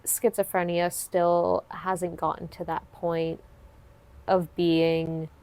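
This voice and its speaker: A woman's voice: fairly low pitch, flat delivery, slow, a little mellow, clear, resonant tone. A woman hosting a podcast, chatting earnestly and supportively in long, winding sentences. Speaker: podcast host. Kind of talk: casual interview chat.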